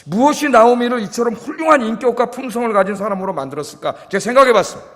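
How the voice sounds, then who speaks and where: A man's voice: extremely high pitch, animated, very fast, a bit bright. A male pastor preaching a sermon. He asks the congregation questions, answers them himself, and lets his voice fall almost to a whisper at the ends of phrases. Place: church sanctuary. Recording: long church reverb.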